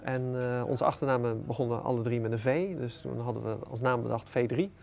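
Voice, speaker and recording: Gravelly-voiced man telling business stories. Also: mid-range voice, brisk, a little hiss or hum. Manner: animated anecdotes, many fillers. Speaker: entrepreneur guest. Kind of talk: casual storytelling interview.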